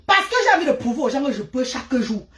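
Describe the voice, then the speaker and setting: A woman from Cameroon, telling a story to her viewers in an animated way and repeating words for emphasis. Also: high voice, fast. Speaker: vlogger. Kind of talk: casual storytelling monologue. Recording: roomy echo.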